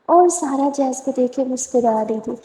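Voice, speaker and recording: High-voiced woman narrating a story. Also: mellow. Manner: chatty, asides to the listener. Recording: echoey room with long reverb.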